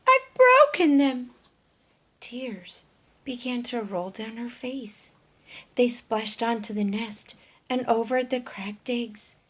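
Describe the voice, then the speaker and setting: Reading a picture book to children, a woman with a fairly high, slightly rough voice often drops to a hush. She narrates expressively and deliberately, asking the young audience questions.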